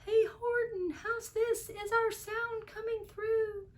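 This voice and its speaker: A woman's voice: extremely high pitch, level tone, slow, voice pushed up. A woman voicing tiny, scared storybook townsfolk and their little mayor, crying out in a small voice. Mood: anxious shouting.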